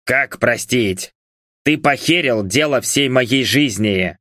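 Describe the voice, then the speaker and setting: A hoarse, drunken nobleman who speaks slowly and menacingly, voiced by a man. His lines sound cold and commanding. The audiobook sound is dry and close to the mic. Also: mid-range voice, expressive, a bit bright, no echo. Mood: furious. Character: hoarse drunken angry middle-aged male baron.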